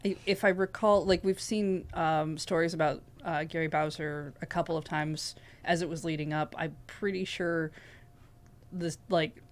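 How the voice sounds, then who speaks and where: Woman on a chat show, kinda low voice, thinks out loud, a bit unsure. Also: steady tone, moderate pace. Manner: thoughtful, tentative. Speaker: co-host. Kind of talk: casual discussion.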